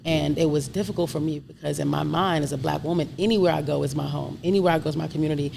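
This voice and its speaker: Her voice sits low and creaky, with fairly even intonation and a fast pace. In her thirties and from Brooklyn, New York, this chef and entrepreneur chats openly and laughs a lot during a conversational interview recorded over background noise.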